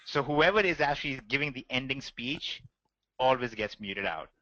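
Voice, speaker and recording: A man's voice: medium pitch, animated, normal speed, sharp tone, no room sound, highs cut off. A man hosting a webinar in casual chat, joking and teasing his co-hosts. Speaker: webinar host.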